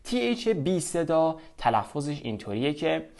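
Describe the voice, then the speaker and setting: A man's voice: fairly high pitch, sing-song, vocal fry, darkish tone. Man with a Persian accent explaining pronunciation. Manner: step-by-step explanation, repeats sounds. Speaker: pronunciation teacher.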